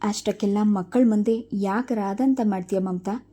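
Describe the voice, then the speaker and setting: A stern stepmother aunt who scolds in a sharp, controlling way, as a woman reader puts her on. The voice is very dark and mellow, at an ordinary middle pitch for a woman. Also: steady tone, normal speed, close to an everyday voice. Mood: scolding.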